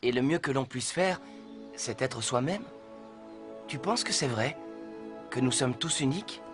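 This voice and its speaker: A shy, sincere teenage boy speaks haltingly in a mid-pitched voice, as a man voices him. He is soft-spoken and gentle. Music plays underneath. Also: expressive, close to an everyday voice.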